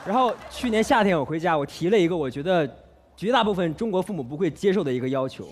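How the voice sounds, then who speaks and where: A man telling an earnest, comedic personal story on a variety talk show, his voice dropping softly on asides, in a television studio. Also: sits high, lively intonation, fast talker, heavy background noise. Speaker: guest storyteller.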